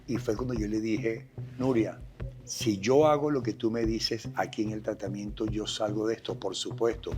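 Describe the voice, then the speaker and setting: A man with a Venezuelan accent, a guest addiction expert speaking with passion and repeating phrases for emphasis. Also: on the low side. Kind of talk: emphatic testimony and explanation.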